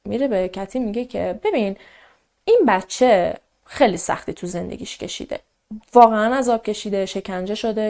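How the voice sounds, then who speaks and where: A woman casually narrating a true crime case, quoting the people involved as she goes. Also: mid-range voice. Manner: animated, quotes characters in a raised voice.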